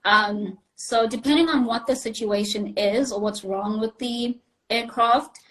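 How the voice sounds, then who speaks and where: A woman's voice: on the high side, a little slow, fairly bright tone, rough recording. A young woman, a pilot, answering interview questions over a video call in a chatty, step-by-step way. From South Africa. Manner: chatty, apologetic, laughs easily, explains step by step.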